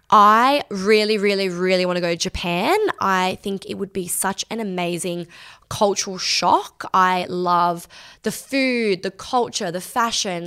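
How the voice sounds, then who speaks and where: A woman's voice: on the low side, a bit bright. A young woman in her twenties hosting a solo Q&A podcast, chatting casually and using "like" a lot. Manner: chatty, filler-heavy with lots of "like". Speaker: podcast host.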